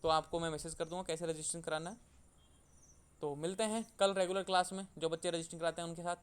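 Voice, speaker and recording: A man's voice: a little high, flat delivery, fast, smooth. A man from India giving an online class lecture, explaining step by step and repeating key terms with simple glosses. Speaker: online tutor.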